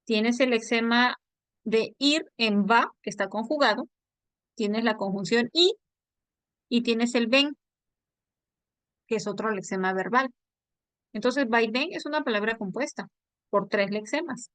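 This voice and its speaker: A woman lectures on word formation, her voice sitting a little high. She explains patiently and keeps tossing in quick tag questions to check that students follow. The sound is dry and close, with no room around it. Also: a bit bright, no echo. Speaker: language teacher. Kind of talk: online class lecture.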